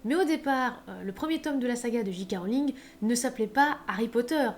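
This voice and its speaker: Chatty woman, high voice. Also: brisk, slight background noise. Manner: chatty, animated, many fillers like hein and bah. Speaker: author giving writing advice. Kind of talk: casual advice video.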